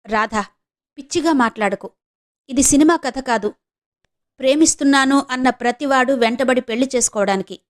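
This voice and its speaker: A woman's voice: high voice, moderate pace, long pauses, close to an everyday voice. A woman voicing an unmarried elder sister who is a doctor, questioning firmly and speaking heavily, in a storybook reading. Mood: probing. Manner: firm questioning, then soft and heavy.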